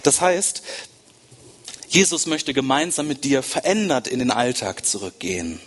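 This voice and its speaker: A man's voice: medium pitch, very animated, a little slow, a bit bright. A man preaching a sermon to his congregation, speaking directly to them and repeating phrases for emphasis. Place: church service.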